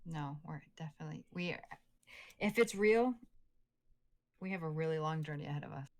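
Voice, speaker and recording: A woman's voice: low voice, moderate pace. A woman playing a tabletop role-playing game, joking wryly in and out of character. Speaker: player.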